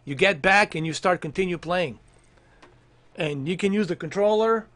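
A man in his thirties streams a game from home, joking, teasing his chat and swearing as he plays. His voice is high-pitched and a bit bright at a normal speed, caught on a headset with a large foam mic that picks up a little hiss or hum.

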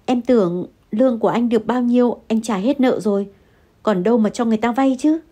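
A woman's voice: fairly high pitch, fairly quick, mellow, close to an everyday voice. A woman voicing an anxious young wife who pleads and apologizes in an audio story. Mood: pleading.

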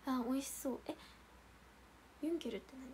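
A woman's voice: high voice, normal speed, darkish tone, a little hiss or hum. A young woman hosting a casual idol livestream, chatting and reading out viewer comments with frequent giggles.

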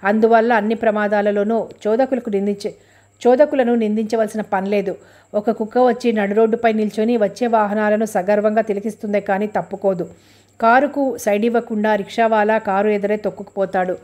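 Woman, audiobook narrator, steady reading of a novel, mid-pitched voice. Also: a little fast.

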